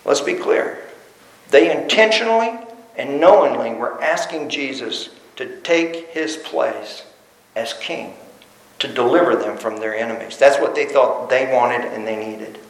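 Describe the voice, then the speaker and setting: A man preaching a sermon as pastor, animated, dropping his voice low for emphasis and acting out the crowd's cries, recorded in a church sanctuary. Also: unhurried, roomy sound, poor audio.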